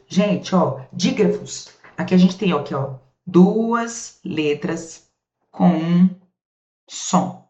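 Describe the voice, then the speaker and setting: A woman's voice: lowish voice, lively intonation, slow, a little mellow. A Brazilian woman grammar teacher giving a recorded lesson, sounding out speech sounds aloud and asking the class rhetorical questions. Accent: Brazilian Portuguese. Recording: roomy, distant, dull sound.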